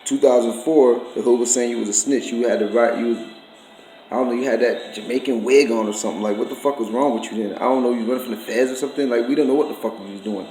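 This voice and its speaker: Man, profane accusatory rant to camera, mid pitch, roomy echo, faint music. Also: steady tone, quick pace, warm tone. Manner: profane, accusatory, streetwise slang. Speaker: vlogger.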